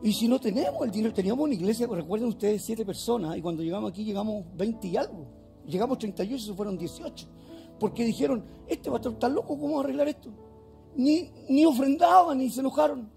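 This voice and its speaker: A man's voice: high voice, animated, fast, creaky, mellow, soft background music. A male pastor preaching a fervent sermon in a church, firing off rhetorical questions.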